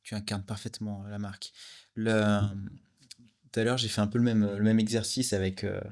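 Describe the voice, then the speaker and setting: A man's voice: on the low side, level tone, normal speed. A man hosting a casual interview, asking questions hesitantly with many repeated words. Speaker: podcast host.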